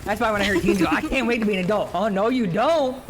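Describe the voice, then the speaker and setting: A man in his early forties chats casually and informally while streaming a game, his voice sitting high and his pace quick.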